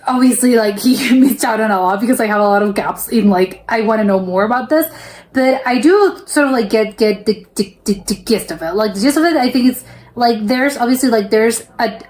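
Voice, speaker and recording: A woman's voice: on the high side, fairly quick, a little mellow. An American woman hosting a reaction video, thinking aloud in casual commentary full of fillers and restarts. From United States.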